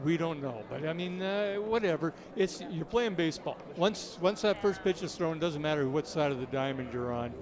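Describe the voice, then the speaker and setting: A man's voice: a little high, lively intonation, moderate pace, few pauses, a crowd in the background. A man doing casual, conversational play-by-play of a baseball game. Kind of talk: casual conversational sports commentary.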